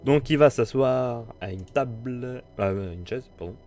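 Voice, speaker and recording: A man's voice: mid-range voice, a little slow, a little mellow, soft background music. A man narrating casually as the game master of a tabletop role-playing game.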